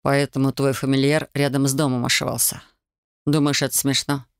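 A woman voicing a calm, commanding male inquisitor who speaks slowly in a lowered voice. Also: clear, resonant tone, no room sound, studio quality. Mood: stern. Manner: slow, measured, lowered voice.

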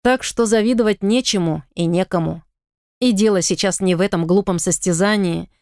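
A woman voicing a calm, composed male lycan, the elder brother, in an audiobook. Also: high-pitched, smooth, no echo, studio quality. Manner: calm, measured.

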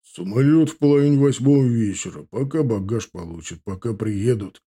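Man doing a gruff older father-in-law. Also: medium pitch, expressive, moderate pace, warm tone. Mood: grumbling. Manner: gruff, confiding, drops to a whisper. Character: grumbling older father-in-law, wary and conspiratorial.

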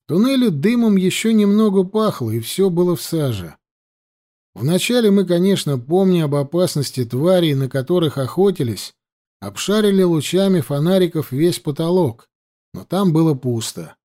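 Warm-voiced male audiobook narrator. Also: fairly high pitch, normal speed. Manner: steady storytelling.

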